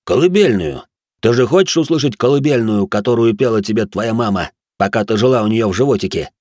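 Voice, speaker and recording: A man's voice: fairly low pitch, animated, brisk, darkish tone, no echo, clean studio sound. A man voicing a blunt male ex-soldier who speaks in a mocking, slangy way.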